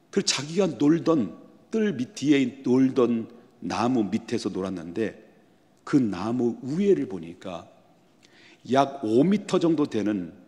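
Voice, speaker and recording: A male pastor delivering a sermon, often asking his congregation rhetorical questions and building to loud, emphatic passages. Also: medium pitch. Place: church sanctuary. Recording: long church hall reverb.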